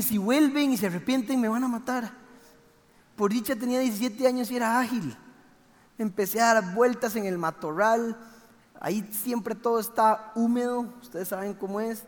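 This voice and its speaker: A man telling a personal testimony in an animated way, acting out the dialogue. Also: very high-pitched, normal speed. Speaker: speaker giving a testimony. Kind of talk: storytelling testimony. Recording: reverberant hall.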